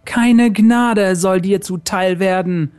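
A man voicing a cold, vengeful woman sorceress who speaks softly and with contempt. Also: high voice, lively intonation, pitched above the performer's own voice. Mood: judging. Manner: soft, contemptuous, deliberate.

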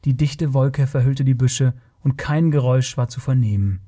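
A man narrating an adventure audiobook in a measured, even storytelling manner. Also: mid-range voice. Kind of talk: scripted narration.

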